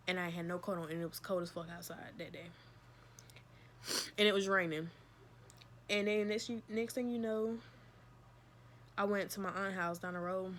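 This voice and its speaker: A woman's voice: fairly low pitch, a little hiss or hum. A young woman vlogger candidly retelling a personal story in a casual, emphatic way, with slang and swearing. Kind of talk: storytime vlog.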